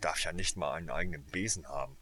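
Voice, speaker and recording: A man's voice: rumbling low, fast talker, sharp tone, a little hiss or hum. A man reading an arrogant teenage boy who speaks scornfully and dismissively.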